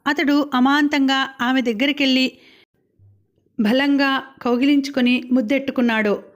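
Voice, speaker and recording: A woman with a Telugu accent reading a novel aloud as an audiobook narrator, in a steady storytelling way. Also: sits high, moderate pace.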